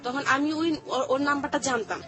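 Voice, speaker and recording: A woman with a Bangladeshi accent shares a personal account as an interview guest, explaining things in colloquial, repetitive phrases. Her voice is high-pitched and moderately paced, and music plays in the background.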